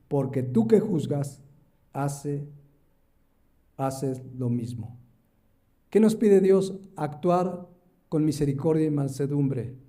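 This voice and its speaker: Emphatic pastor, high mellow voice. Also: male voice. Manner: emphatic, rising and falling for stress; acts out quoted voices in the parable. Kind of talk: sermon.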